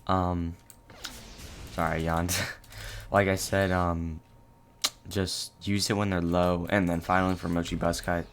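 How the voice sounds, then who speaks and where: A young man narrating a casual gameplay tutorial, halting and low-key with many fillers. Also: flat delivery, slight background noise. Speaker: gaming channel host.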